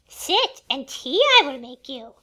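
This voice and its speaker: A performer playing a small, wise old alien master in a family radio play, speaking deliberately with inverted word order. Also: high-pitched, big pitch swings, sharp tone, full character voice. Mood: kindly.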